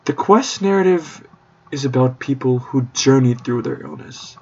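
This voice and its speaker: A young man hosts a podcast in a mock-courtly style, grandiose and theatrical with playful old-fashioned flourishes. His medium-pitched voice is animated and darkish with a breathy edge, at a moderate pace, on a dull lo-fi recording.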